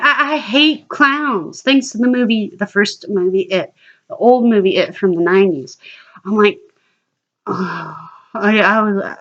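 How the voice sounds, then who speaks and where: A woman's voice: mid-range voice, fairly bright tone, muffled recording. A woman vlogger telling a personal story in a casual, rambling way, swearing freely and restarting her sentences.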